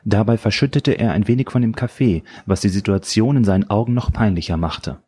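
Low, husky male audiobook narrator. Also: brisk, darkish tone. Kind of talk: scripted narration.

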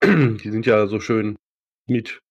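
A man's voice: lowish voice, takes it slowly, vocal fry, lo-fi sound. A man hosting a podcast, chatting casually and telling anecdotes in a joking, colloquial way. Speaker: podcast host.

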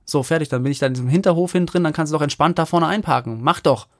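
A man's voice: a little high, no room sound, studio quality. A man co-hosting a podcast, animatedly telling an anecdote in a casual chat with lots of fillers. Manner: animated storyteller, rapid with many fillers. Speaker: podcast co-host.

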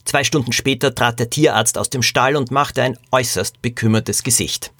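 A man, the author, narrating a storybook for children and then telling how it was made, in a calm storytelling manner. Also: medium pitch, moderate pace, no room sound, studio quality.

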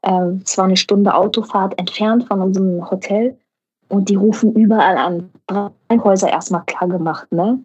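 Husky woman telling a story. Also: fairly even intonation, moderate pace, a little mellow, lo-fi sound. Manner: acts out voices of others in her story, often rising high. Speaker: actress and guest. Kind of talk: lively anecdote telling.

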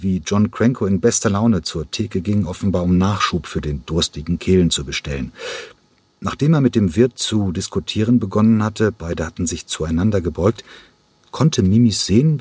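A man reading an audiobook in a measured storytelling manner. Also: deep voice, darkish tone, breathy edge, no room sound. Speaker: audiobook narrator. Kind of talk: scripted narration.

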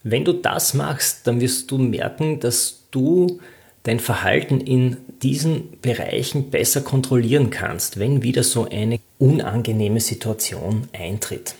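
A man's voice: fairly low pitch, darkish tone. A man coaching in a self-help talk, speaking directly to the listener in an informal way.

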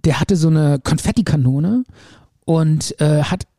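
A man casually chatting and retelling a long dream, lively and acting out what people in it said. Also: a little high, measured pace, no room sound, clean studio sound. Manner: lively storyteller who acts out quoted speech.

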